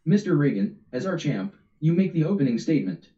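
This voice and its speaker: A man voicing a smooth male event announcer with a showy delivery, recorded distant and roomy. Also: on the high side, big pitch swings, fairly quick, warm tone. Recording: roomy, distant, dull audio.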